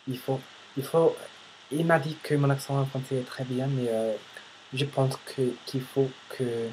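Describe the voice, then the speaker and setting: An American man speaks with an American accent, pausing often to search for words in a halting, unscripted monologue. His voice stays flat and level throughout, with little rise or fall. The home computer-mic recording has clear background noise under it. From United States. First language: English. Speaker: language learner vlogger. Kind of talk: casual spoken practice monologue. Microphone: computer microphone. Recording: noisy low-quality home recording.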